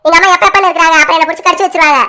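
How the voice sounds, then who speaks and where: A woman's voice: extremely high pitch, fairly even intonation, very fast, bright, forceful tone. A woman voicing an evasive young daughter who dodges housework in a family drama.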